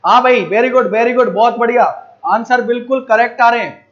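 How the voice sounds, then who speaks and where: A man with a strikingly high voice and a Rajasthani lilt runs a live math class, coaxing his students along. He keeps checking whether everyone has understood. The stream audio is dull and lo-fi. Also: normal speed. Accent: Rajasthani Hindi. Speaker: math teacher.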